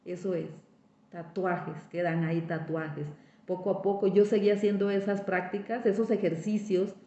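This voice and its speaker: A woman's voice: medium pitch, steady tone, moderate pace, dark tone. A woman gives a spiritual recovery testimony. She talks straight to her listeners and repeats her words for emphasis. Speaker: speaker giving a recovery testimony. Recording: echoey, dull lo-fi sound.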